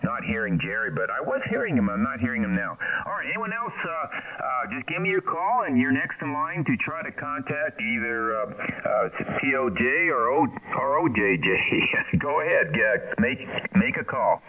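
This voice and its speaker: Male ham net controller, halting check-in calls, distant narrow two-way radio sound with static. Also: medium pitch, animated. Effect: voice over two-way radio with static.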